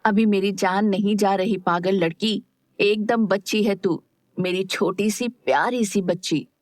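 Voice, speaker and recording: A woman narrator voicing an affectionate, protective young man who speaks softly and teases gently. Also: mid-range voice, unhurried, dry recording, studio quality, close to an everyday voice. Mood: tender. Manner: soft, tender, teasing.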